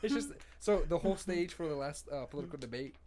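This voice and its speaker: A young man co-hosting a casual podcast, teasing the others with deadpan jokes. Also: on the high side, quick pace. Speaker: podcast co-host. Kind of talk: casual chat among friends.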